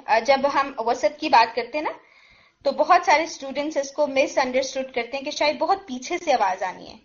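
A woman who teaches Quran recitation gives a pronunciation lesson in a high, expressive voice, with lo-fi sound. She patiently walks through letter sounds step by step, using everyday comparisons.

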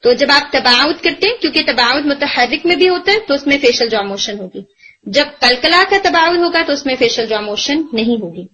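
A woman teaching tajweed in a high, clear-pitched voice, mixing English terms into her explanations. She patiently demonstrates the recited words again and again. The recording sounds a little dull and lo-fi. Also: lively intonation, bright, forceful tone. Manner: mixes Urdu with English terms. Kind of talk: online tajweed lesson.

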